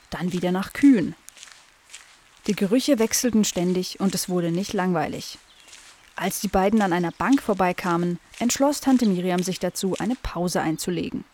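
A woman calmly reading a children's story aloud as narrator. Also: lowish voice, a little hiss or hum. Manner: calm, clear storytelling.

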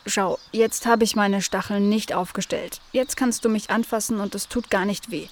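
A woman voicing a sleepy, polite male hedgehog in a children's story, talking slowly and drowsily. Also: steady tone, slight background noise, natural voice. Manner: slow, drowsy, low-key.

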